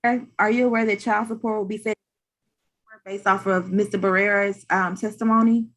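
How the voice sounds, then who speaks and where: A woman with a mid-pitched voice speaks as an attorney for the state. Her delivery is formal and procedural, with halting phrasing. She is heard over a video call. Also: fairly even intonation, fairly bright tone, low-quality recording. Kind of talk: formal courtroom questioning.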